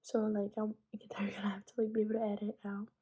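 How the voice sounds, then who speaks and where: Young woman, breathy ASMR whisper, mellow, flat delivery, filler-heavy casual chat. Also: mid-range voice, quick pace, low-quality recording. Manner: soft whisper with many fillers. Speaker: ASMR creator.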